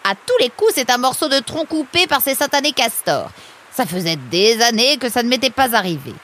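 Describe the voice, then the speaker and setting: A woman voicing a fussy, excitable female animal who keeps a mill, exclaiming in a high voice. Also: normal speed, a little hiss or hum. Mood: fretful. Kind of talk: storybook character voice.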